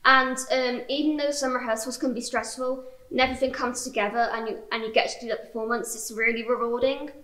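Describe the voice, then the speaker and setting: A woman's voice: on the high side, steady tone, fairly quick, hardly any pauses, pushed and bright. A young woman, a student performer talking in an interview. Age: young adult. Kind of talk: on-camera interview. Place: indoors on a theatre stage set. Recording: echoey stage set.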